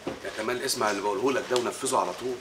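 An actor with an Egyptian accent playing a man who takes charge and calms a distressed woman in a TV drama, insistent but soothing. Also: lowish voice, racing, noisy background, lightly acted. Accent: Egyptian Arabic. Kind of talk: TV drama acting. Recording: music score underneath.

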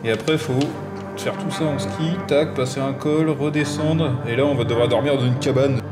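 A man's voice: mid-range voice, fairly even intonation, moderate pace, roomy sound, loud music behind the voice. Chatty young man planning a ski trip. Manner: chatty, explains plans point by point. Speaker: ski mountaineer vlogger. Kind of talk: casual vlog chat. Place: home living room.

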